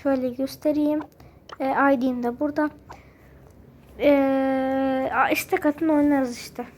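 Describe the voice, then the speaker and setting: A woman hosting a casual gameplay video, chatty and excitable, who keeps talking straight to her viewers. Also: sits high, measured pace, slight background noise. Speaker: gaming video host.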